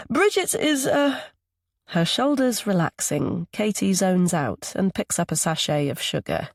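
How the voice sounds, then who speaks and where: Woman reading an audiobook, low voice with some fry, dry close sound, steady pace. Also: dry recording. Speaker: audiobook narrator. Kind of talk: scripted narration.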